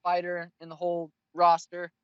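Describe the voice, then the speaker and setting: Young male fighter, mid-twenties, casual and profane; voice a touch high, dry and muffled recording. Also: completely flat delivery, normal speed, fairly bright tone, clean tone, no echo. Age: 20s. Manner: blunt and profane. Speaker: fighter, interview guest. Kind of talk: casual interview answers.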